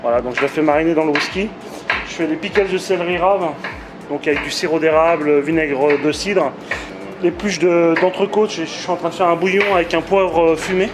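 A chef in his thirties talks through his dishes in a relaxed, halting way, full of little pauses. His voice is slightly high for a man. Music plays clearly behind him. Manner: relaxed, hesitant with many "euh". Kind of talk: casual explaining.

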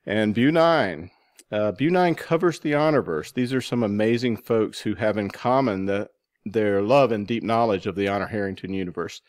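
A podcast host with a notably low voice reads scripted promotions and episode introductions in a presenter's style. He speaks at normal speed, and the recording is dry, with almost no room sound and no echo.

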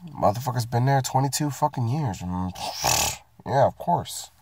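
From the driver's seat of his parked car, a man who is falling ill vents to the camera about his week at work, cursing, rambling, and mocking himself. His medium-pitched voice is warm with a breathy edge, lively in intonation, at a normal speed.

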